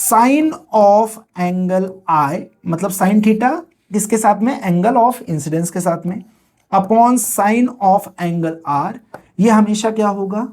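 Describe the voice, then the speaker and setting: A male teacher giving a classroom lecture, dictating key phrases slowly word by word and answering his own questions. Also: high-pitched, a little mellow.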